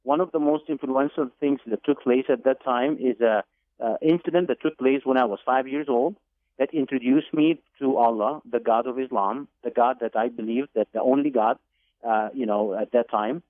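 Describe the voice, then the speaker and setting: Radio guest, male, from Egypt, measured storyteller, phone-line sound. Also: mid-range voice, no room sound. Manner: deliberate, with repeated words and fillers. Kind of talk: telling his life story on a radio call-in. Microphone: telephone.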